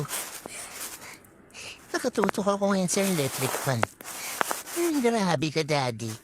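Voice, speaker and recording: A woman's voice: medium pitch, a little hiss or hum. A woman voicing a playful, clingy female pet dog who talks to her owner in a sing-song, teasing way for a vlog voice-over. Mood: tired, panting.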